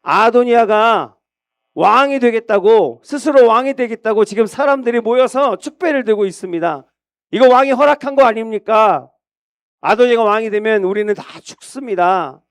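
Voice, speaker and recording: A male preacher putting on a desperate queen mother who pleads with her aging king, her voice lifted high and pressing with urgency. She sounds crisp and close, with a clear, ringing tone and almost no room around her. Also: lively intonation, unhurried, no echo. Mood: pleading. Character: tearful pleading queen mother Bathsheba, woman.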